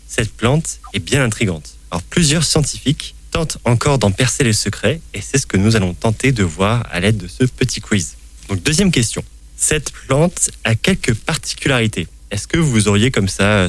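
A man hosting a science talk show, explaining botany with a playful quizmaster manner. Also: medium pitch. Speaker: science podcast host. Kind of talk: science chat with quiz.

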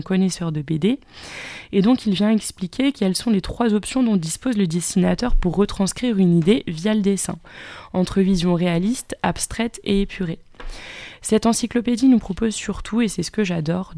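A woman presenting book recommendations on the radio. She talks quickly, with many hesitations and self-corrections. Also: lowish voice, warm tone, no echo.

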